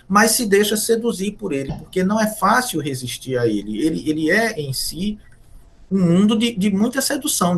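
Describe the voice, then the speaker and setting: A fairly high-voiced man from Brazil, a history professor answering interview questions. He lectures reflectively, asks rhetorical questions and keeps checking in with his listeners. His pitch climbs and drops widely as he talks. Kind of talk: academic interview talk.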